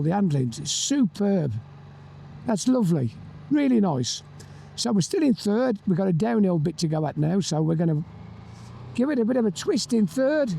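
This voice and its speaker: A man's voice: sits high, gravelly, warm tone, slightly rough. A man talking through a motorbike helmet intercom mic as he rides, giving a chatty, enthusiastic commentary on the bike. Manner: chatty, enthusiastic, talks while riding. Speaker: motorcycle reviewer. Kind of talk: ride-along bike review commentary. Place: on a motorbike on open roads, outdoors. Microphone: motorbike helmet intercom mic while riding. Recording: helmet mic with faint road noise. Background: wind and engine noise.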